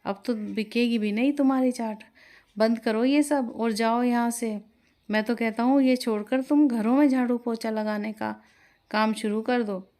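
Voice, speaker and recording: A woman voicing an arrogant, mocking male chaat vendor in a storybook tale, talking loudly. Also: on the high side, fairly even intonation, normal speed, lightly acted. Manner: mocking, loud.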